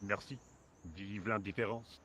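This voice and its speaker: Lazy sarcastic French painter. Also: male voice, lowish voice, little pitch movement, moderate pace, bright, forceful tone, slight background noise. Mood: indifferent. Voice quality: dry, indifferent, drawling. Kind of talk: video game voice acting.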